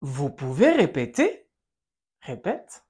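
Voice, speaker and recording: A woman teaching French to Spanish speakers, drilling phrases slowly and clearly and switching between the two languages. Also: low-pitched, huge pitch swings, warm tone. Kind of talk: language lesson.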